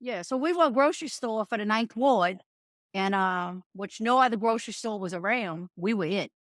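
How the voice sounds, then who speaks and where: In a casual interview chat, a restaurant owner from New Orleans, Louisiana, shares folksy stories in her local accent. She's middle-aged, with an expressive medium-pitched voice at normal speed, captured in clean studio sound without echo.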